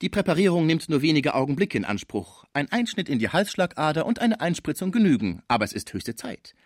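A man voicing a pushy young embalming salesman who delivers an eager, urgent sales pitch. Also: very animated, a little fast, no room sound, studio quality.

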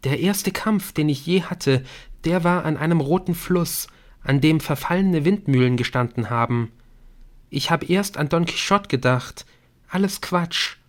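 Man voicing a gentle breathless girl. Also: a little high, measured pace, voice pushed up, natural voice. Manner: soft, breathless.

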